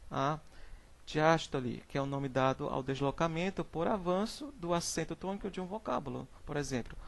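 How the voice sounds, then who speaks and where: A young adult male teacher with a Brazilian Portuguese accent presents a lesson from slides, saying each example word slowly and often checking in with "né?" and "certo?". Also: a little high, creaky, slight background noise. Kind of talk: classroom slide presentation on phonetics.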